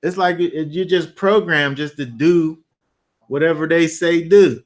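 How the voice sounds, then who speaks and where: A man hosting a Bible study discussion, chatting casually and telling loose, animated stories, acting out scenes with playful sound effects. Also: a little high, measured pace. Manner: loose, rambling with restarts. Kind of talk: casual chat.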